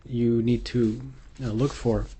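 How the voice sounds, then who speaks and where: A man's voice: medium pitch, little pitch movement, slow, mellow, slight background noise. A man giving an unscripted medical exam tutorial over slides, hesitant and full of fillers and restarts. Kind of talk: unscripted instructional lecture.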